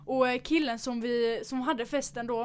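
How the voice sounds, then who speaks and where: A young woman co-hosting a casual chat show from a school studio, telling stories in a lively way and swearing casually. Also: on the high side, smooth. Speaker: podcast co-host.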